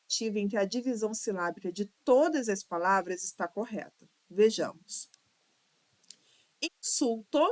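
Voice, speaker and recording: A woman's voice: medium pitch, no echo. A Brazilian woman teaching Portuguese for exams, patiently going through questions and sounding out words syllable by syllable. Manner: patient, counts syllables aloud, drawls words to sound them out. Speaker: Portuguese teacher for exam prep. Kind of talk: online lesson walking through exam questions.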